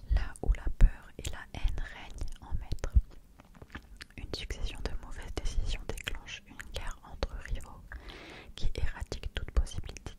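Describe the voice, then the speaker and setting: A young adult speaks in a soft, library-like ASMR whisper, reading aloud and chatting informally about books. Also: a little slow. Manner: reads blurbs aloud with informal asides. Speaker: ASMR book haul creator. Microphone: streaming microphone close by.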